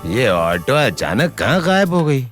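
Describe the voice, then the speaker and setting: A man's voice: mid-range voice, big pitch swings, measured pace, music in the background. A man playing a pushy visitor in a TV serial, insistently asking at a door for a woman. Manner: insistent, wheedling. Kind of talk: Hindi TV serial acting.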